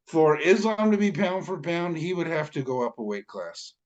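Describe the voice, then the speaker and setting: A man's voice: fairly high pitch, very animated, normal speed, a little mellow, muffled recording. A man co-hosting a casual fight podcast, heated and emphatic, often stammering as he restarts his sentences. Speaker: podcast co-host. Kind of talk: casual MMA podcast chat.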